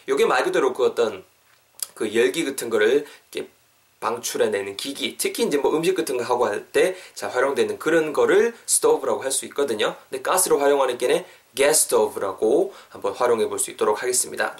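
Coaxing and upbeat, a young podcast host teaches English by explaining phrases and slowly repeating each one for listeners to drill. Lively energy carries his voice, which lifts abruptly in pitch.

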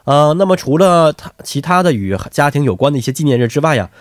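Very animated male quiz show host. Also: on the high side, quick pace, dry recording, studio quality. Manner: talkative, teasing, many tag questions. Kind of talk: chatty quiz show hosting.

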